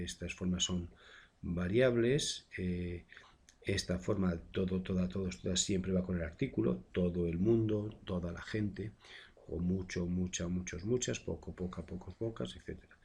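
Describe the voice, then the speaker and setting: In a recorded grammar lesson, a Spanish secondary school language teacher speaks in a low, gravelly, darkish voice. His patient explanations are sprinkled with "eh" fillers and tag questions.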